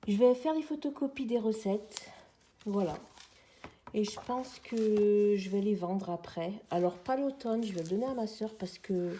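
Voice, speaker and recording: Woman, 40s, mellow casual vlog chat at home, tripod camera mic. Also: a little high, slight background noise. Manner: chatty, friendly, addresses viewers as friends. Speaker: vlogger. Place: at home, sitting on the floor. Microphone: camera on a tripod, mic on the far side.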